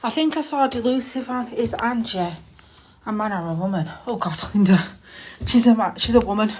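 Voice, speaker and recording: A woman's voice: fairly high pitch, moderate pace, a little mellow, a little hiss or hum. A woman hosting a casual live stream from her room at home, chatting and gossiping into her phone, laughing at herself.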